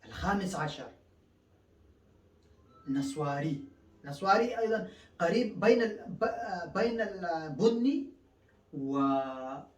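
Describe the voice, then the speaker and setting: A man's voice: high voice, animated, distant mic. Man teaching in an echoey room. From Afghanistan. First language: Pashto. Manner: explains slowly, with many drawn-out fillers and repetitions. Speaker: language teacher. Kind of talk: casual spoken lesson.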